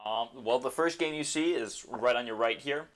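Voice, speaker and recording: A man narrating a tabletop game as game master, relaxed and full of ums. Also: mid-range voice, normal speed. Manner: relaxed, filler-heavy narration with frequent ums.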